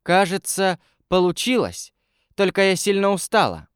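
A young sorceress girl, soft-spoken and thoughtful, tired yet set on her task, as a male narrator puts her on. The voice sits well above his own, with lively swings of intonation. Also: sits high, normal speed, clear, resonant tone, no echo, studio quality, pitched above the performer's own voice.

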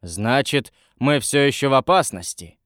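A calm, practical sailor who leads his crew with measured words, as a narrator gives him voice. The delivery stays close to the narrator's own, with lively intonation and a dry sound. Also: mid-range voice, no echo, natural voice.

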